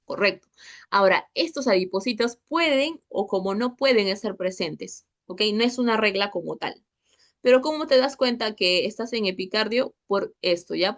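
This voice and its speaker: Teaching histology online, this young woman chats her way through the lesson with a medium-pitched, fairly bright voice. Her students hear a steady stream of "¿ok?" and "¿listo?" as she checks in with them all the time.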